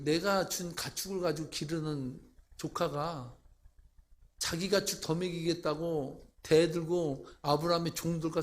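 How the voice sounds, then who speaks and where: A male pastor preaching a sermon, emphatic and putting rhetorical questions to the congregation. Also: on the high side.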